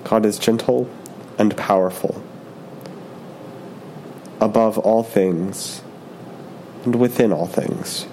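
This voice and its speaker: Calm old storybook turtle, wise and gentle, a man reading her lines, slow and low. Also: slight background noise, rough recording. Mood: serene. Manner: slow and measured.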